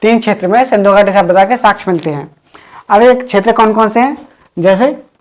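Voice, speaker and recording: Woman teaching, repeating each point. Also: mid-range voice. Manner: repeats key points slowly, drilling with questions. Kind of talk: exam-prep history lecture.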